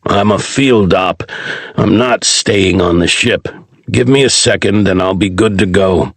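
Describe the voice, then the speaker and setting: Male narrator voicing a gruff aging soldier in a sci-fi audiobook, sarcastic grumbler, husky. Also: low-pitched, measured pace, no room sound, exaggerated voice. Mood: grumbling.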